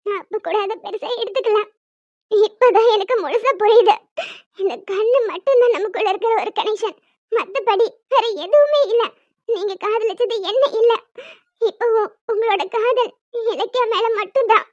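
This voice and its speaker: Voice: very high voice, moderate pace, no room sound. A performer voicing a hurt, angry young pregnant wife in a homemade cartoon, talking bitterly and reproachfully. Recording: dry, dull lo-fi sound.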